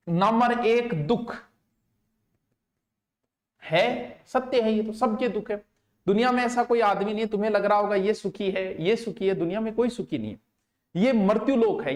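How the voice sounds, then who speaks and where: A man teaching an exam coaching lecture, speaking emphatically and repeating key terms slowly for students to write down. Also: sits high, a little mellow. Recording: roomy echo.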